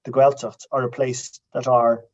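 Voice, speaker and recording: Animated Irish man telling stories. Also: medium pitch, normal speed, dull audio. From Ireland. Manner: animated storytelling, quotes Irish phrases. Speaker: guest, writer. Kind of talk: casual interview talk.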